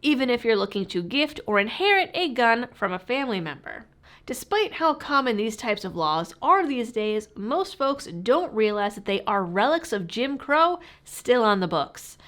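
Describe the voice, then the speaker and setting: Stuffy, muffled woman with a lively voice. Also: a little high, moderate pace. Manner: sarcastic, pointed delivery. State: sick with a cold, stuffy and muffled like talking through a fishbowl. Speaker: political commentary channel host. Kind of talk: scripted political commentary.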